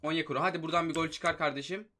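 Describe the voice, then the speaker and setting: Excitable young man commenting on gameplay. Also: on the high side, very fast, a little hiss or hum. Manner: excitable, frustrated outbursts at the game. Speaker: gaming YouTuber.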